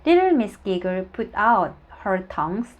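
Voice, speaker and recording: A woman whose first language is Korean, reading a children's book aloud in a slow, expressive way, with small stumbles and friendly asides. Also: medium pitch. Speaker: storybook reader.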